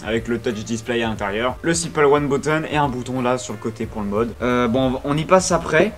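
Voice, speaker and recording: A young man talking casually through an unboxing on his vlog, chatty and full of fillers, breaking into excited outbursts now and then. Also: mid-range voice, fairly quick. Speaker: vlogger.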